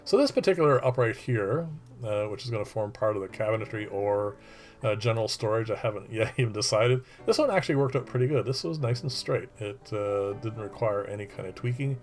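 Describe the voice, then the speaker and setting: A middle-aged man presenting a casual woodworking voice-over in a monotone, droning, rambling and hesitant way. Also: fairly low pitch, brisk, soft background music. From Canada.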